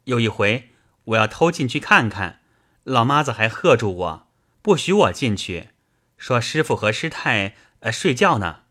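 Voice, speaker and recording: A man voicing a timid young boy monk who answers hesitantly, filling pauses with uncertain sounds. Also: medium pitch, big pitch swings, pushed and bright, heavily acted.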